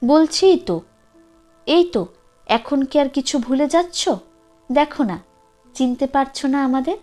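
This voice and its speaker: A woman voicing a grown daughter who gently coaxes and pleads with her mother in a storybook reading. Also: high-pitched, unhurried, soft background music. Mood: coaxing. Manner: coaxing, pleading.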